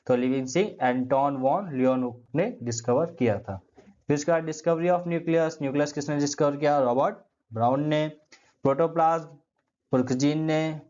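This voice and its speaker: A man's voice: mid-range voice, darkish tone. Man teaching, quizzing his own class. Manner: asks questions and answers them himself; repeats key terms, uses everyday comparisons. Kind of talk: classroom lecture. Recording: dull lo-fi sound.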